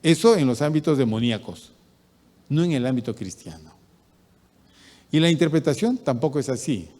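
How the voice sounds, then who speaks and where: A male pastor preaches in a mid-pitched voice that leaps up and down with lively expression. He swings from loud, emphatic bursts to quiet, muttered asides. His voice carries a long reverb from the church hall. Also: moderate pace. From Peru. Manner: animated preaching, rising loud bursts and dropping to near-mutters. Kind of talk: sermon.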